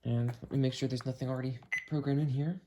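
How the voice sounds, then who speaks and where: In a noisy recording, a male video creator casually reviews a weather radio, demonstrating it hands-on. His mid-range voice has fairly even intonation, and he's unhurried, thinking aloud as he tests it.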